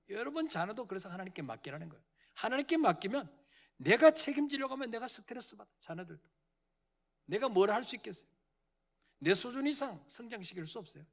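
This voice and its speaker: Male pastor, sermon delivery, high and animated, call-and-response. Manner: preaching with call-and-response, dramatic quoted voices. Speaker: senior pastor. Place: church sanctuary.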